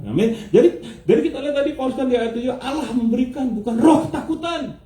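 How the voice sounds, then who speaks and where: A male pastor with a high, animated voice, mellow in tone, preaching from some distance in an echoey church hall. He keeps firing rhetorical questions at the congregation and mixes English into his sermon. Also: quick pace.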